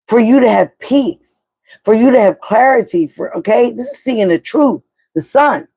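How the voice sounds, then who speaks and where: Middle-aged woman, live tarot reader, blunt and encouraging, swears casually, mid-range pitch. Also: a little mellow. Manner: blunt, swears casually, pep-talk delivery.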